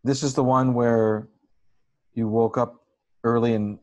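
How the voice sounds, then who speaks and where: A man's voice: mid-range voice, little pitch movement, measured pace, a little mellow, dull audio. A man hosting a casual video call chat, effusive and enthusiastic, often searching for words. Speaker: host interviewing a photographer.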